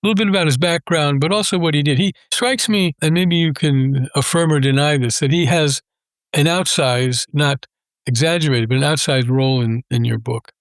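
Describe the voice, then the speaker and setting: Male rabbi host, slightly high voice, appreciative and probing, dry sound. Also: moderate pace, dry recording. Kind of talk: interview questions.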